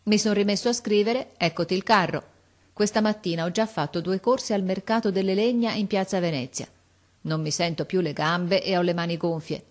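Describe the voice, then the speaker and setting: In an audiobook reading, a woman with a natural, mid-range voice plays a cheerful, hardworking young boy. She makes him eager, quick and lively, chatting away.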